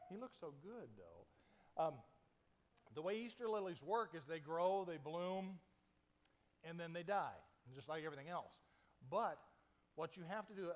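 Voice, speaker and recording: Male pastor from Arizona, sermon in church, easygoing conversational delivery, slightly higher-pitched voice. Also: in a large hall. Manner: conversational, folksy asides and light jokes.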